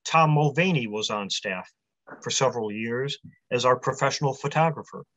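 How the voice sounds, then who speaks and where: A publisher in his forties reads a prepared convention talk over a video call from a small room, measured and heavy on long lists. His mid-range voice is a bit bright, and the webcam audio sounds dry and slightly muffled.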